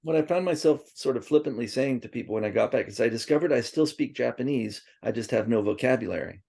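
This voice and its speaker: Speaking fast at a medium pitch, this interviewee has a gravelly, dark voice and tells stories loosely, often restarting and wandering into asides. Born in Princeton and raised partly in Tokyo, he learned Swedish first, and the interview is casual and reminiscent.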